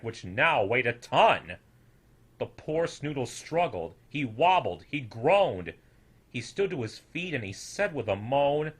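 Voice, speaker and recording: With a husky, medium-pitched voice, a young adult man performs a rhyming children's story. He delivers it theatrically and expressively, in a lilting sing-song rhythm.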